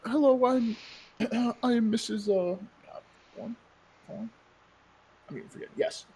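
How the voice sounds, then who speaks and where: A man's voice: very high-pitched, slight background noise, pitched above the performer's own voice, full character voice. Man putting on a shaken, grieving widow. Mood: flustered. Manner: halting, shaken, soft. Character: distraught grieving widow, adult woman.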